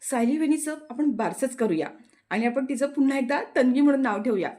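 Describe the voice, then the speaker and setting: A woman's voice: sits high, animated, a little fast, dark tone, pitched above the performer's own voice. A woman voicing a playful young man suggesting a joke plan, in a serial recap. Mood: joking. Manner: joking.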